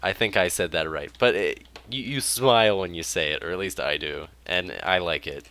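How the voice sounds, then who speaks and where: Deep-voiced chatty young man gaming. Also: normal speed. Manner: rambling, chatty, excitable. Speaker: gaming YouTuber. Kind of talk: casual let's play commentary.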